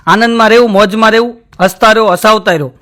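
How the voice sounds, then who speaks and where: A man's voice: sits high, steady tone, fast, pushed and bright, slight background noise. A man telling comic stories and moral lines to a live audience, often calling them sir and mimicking voices. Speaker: stand-up comedian. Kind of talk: live stand-up jokes and moral talk. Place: stage before a live audience.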